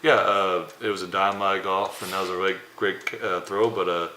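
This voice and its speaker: A young man co-hosting a casual sports talk show, speaking in a subdued, halting way with many fillers, downcast after a loss. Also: low voice, steady tone, pushed and bright. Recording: roomy echo, faint background noise.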